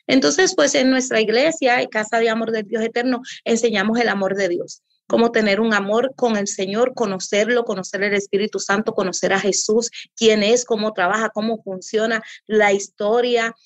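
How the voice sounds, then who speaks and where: A woman's voice: fairly high pitch, fairly even intonation, normal speed, no room sound. A woman pastor speaking earnestly as an interview guest, in a preacherly way that repeats for emphasis. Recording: dull lo-fi audio.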